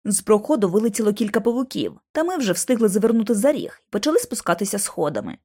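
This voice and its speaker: A woman narrating a story in the first person, reading in a lively, expressive way. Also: mid-range voice, quick pace, breathy edge. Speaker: audiobook narrator.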